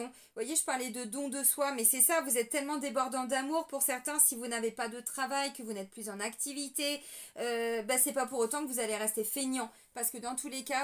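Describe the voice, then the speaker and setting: A woman giving a casual, chatty tarot reading to her viewers, hesitating often and addressing them as friends. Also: high voice. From France. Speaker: tarot reader.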